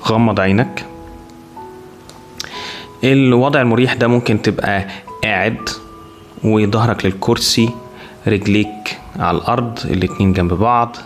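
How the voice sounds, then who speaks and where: A man with an Egyptian accent guiding a meditation in a soothing, calm, unhurried manner, leaving long pauses between short instructions. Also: on the low side. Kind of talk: guided body scan meditation. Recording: music behind the voice. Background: clear background music.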